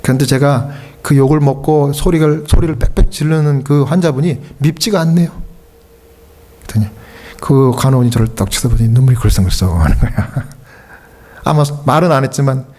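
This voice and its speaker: A man speaks Korean in a mid-range, warm voice at a fairly quick pace. A pastor and hospice chaplain in a church sanctuary, he tells a story in a conversational sermon and acts out the quoted lines of the people involved.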